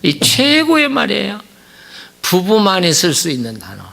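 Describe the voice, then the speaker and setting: A man's voice: sits high, wildly swooping pitch, normal speed, gravelly, pushed and bright. An older man preaching at a church revival meeting, telling stories and leading prayer. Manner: storytelling, chuckling, then earnest prayer. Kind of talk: sermon.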